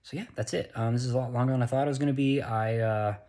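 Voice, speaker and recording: Warm in tone and medium in pitch, this young American vlogger talks fast with fairly even intonation. He sounds tired, holding his phone for a casual, earnest, rambling monologue, correcting himself along the way.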